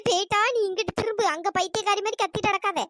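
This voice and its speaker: Voice actor doing cartoon village women, squeaky chipmunk pitch, bickering, quick to panic. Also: fairly even intonation. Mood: scolding. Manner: scolding, sharp-tongued, quick to panic. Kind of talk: cartoon storytelling.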